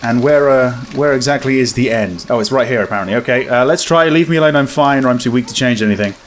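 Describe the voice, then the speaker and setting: A man's voice: mid-range voice, fast talker. A man giving casual, wry and bemused gameplay commentary. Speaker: game streamer.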